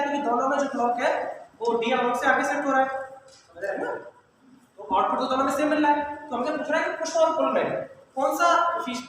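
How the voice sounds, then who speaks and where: High-voiced man teaching physics in an echoey hall. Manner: checks understanding after nearly every line; mixes English technical terms into Hindi explanation. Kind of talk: classroom lecture. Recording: echoey hall from far off, faint noise.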